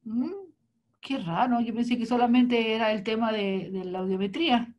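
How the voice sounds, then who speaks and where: A woman voicing a live interpretation in the first person, with halting phrasing and restarts. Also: a little high, fairly even intonation, highs cut off. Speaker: sign language interpreter.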